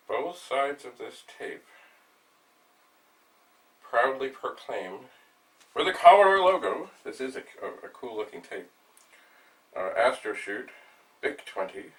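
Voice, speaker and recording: An older retro computer hobbyist hosts a vlog, thinking aloud in a rambling, halting way while narrating a hands-on demonstration. His voice is mid-range. He's in a small, cluttered room at home, picked up by a camera mic a few steps away, so the sound is distant and the room noisy.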